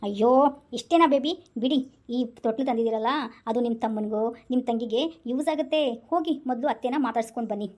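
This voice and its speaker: A woman's voice: on the high side, fast talker, a little mellow, lightly acted. A woman voicing an exasperated young wife in a comic skit, soothing and scolding her husband.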